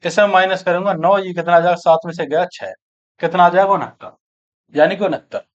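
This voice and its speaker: A man's voice: sits high, a little fast, highs cut off. A man teaching an exam-prep maths lesson, working through sums aloud and asking and answering his own questions. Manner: addresses students as friends and brothers.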